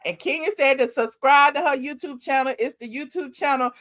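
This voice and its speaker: A woman with a fairly high voice hosts a gossip review in a casual, chatty style. She is smug and sarcastic, driving points home with emphatic repetition. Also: brisk, noisy background. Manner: smug, sarcastic, emphatic, repeats phrases for effect. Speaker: YouTube host reviewing reality TV.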